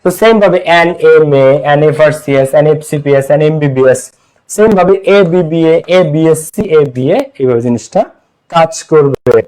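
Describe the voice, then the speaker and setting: Man, high-pitched, young, English teacher, live online class, asks and answers his own questions. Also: moderate pace, a little mellow, rough recording. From Bangladesh. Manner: drills students with repeated questions and answers.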